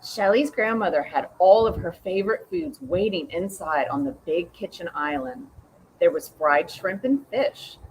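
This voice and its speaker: A woman reading a children's book aloud with slow, expressive storytelling. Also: lowish voice, a little hiss or hum, rough recording. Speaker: reader.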